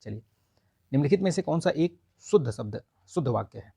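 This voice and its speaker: Male tutor, husky and gravelly, casual and explanatory, dry close recording. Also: a little high, lively intonation, brisk, warm tone, no room sound. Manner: explains answer by answer, says 'ठीक है' often. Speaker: Hindi exam tutor. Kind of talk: casual spoken lesson.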